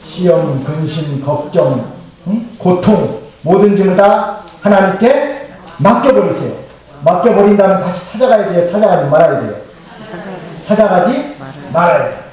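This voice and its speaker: In a church sanctuary, a male pastor preaches a sermon, repeatedly asking the congregation questions and having them repeat the answers. His voice is slightly high and warm. The hall is very echoey and the mic is far away.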